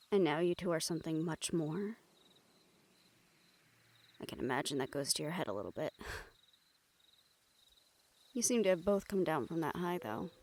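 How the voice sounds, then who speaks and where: Voicing a weary, remorseful young woman with dangerous powers, a woman performs an intimate audio roleplay in a lowish voice. Her soft, hesitant words to the listener come across as reassuring and reflective.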